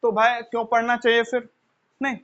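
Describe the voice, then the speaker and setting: A man's voice: extremely high pitch, monotone, brisk, a bit bright. A male teacher giving a motivational classroom lecture, asking questions and answering them himself and addressing his listeners as children. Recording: dull lo-fi recording.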